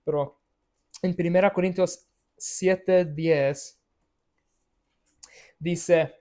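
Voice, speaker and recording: Guy teaching bible class, kinda high voice, slow and halting, keeps restarting and asking ok?. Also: steady tone, dark tone. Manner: halting, frequent restarts and checking questions. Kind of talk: Bible study lesson.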